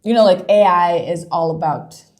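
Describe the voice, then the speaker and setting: Woman podcast co-host, lower register, tired, rambling casual talk. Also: normal speed. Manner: rambling, thinks aloud with many fillers. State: tired, yawning. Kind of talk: casual chat.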